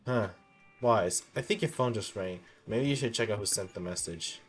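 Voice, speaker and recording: A man's voice: on the low side, faint music behind. A man reading a video game's story dialogue aloud, stumbling now and then and correcting himself. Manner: halting reading with misreadings corrected. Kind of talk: reading game story text aloud with reactions.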